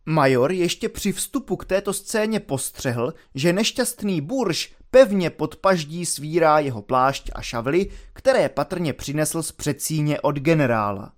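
A man narrating a classic novel in a steady, measured storytelling voice. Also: a little high. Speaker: audiobook reader. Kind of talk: literary narration.

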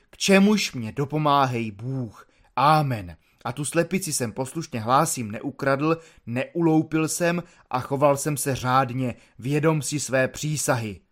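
Reading from an audiobook, a man whose voice is on the high side yet close to everyday speech portrays an earnest, polite simple soldier, who explains himself at length with calm formality.

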